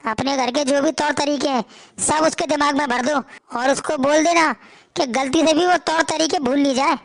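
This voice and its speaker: A woman's voice: high-pitched, fairly even intonation, moderate pace, vocal fry. A woman voicing a strict, tradition-bound older father-in-law who lectures in a domineering way in a cartoon story. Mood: commanding.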